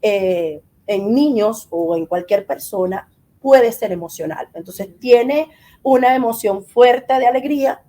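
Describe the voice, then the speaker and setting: Middle-aged woman, interview guest; animated storyteller, higher voice, breathy and soft-toned. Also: a little slow. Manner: animated, acts out quoted dialogue.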